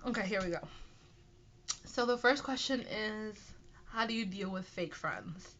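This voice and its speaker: Young woman, mid-pitched, nasal and stuffy with a cold, rambling self-deprecating chat, slightly muffled lo-fi recording. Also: unhurried, fairly bright tone, a little hiss or hum. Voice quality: nasal, congested. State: sick with a stuffy nose. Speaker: podcast host and aspiring author. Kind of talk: casual solo chat answering listener questions.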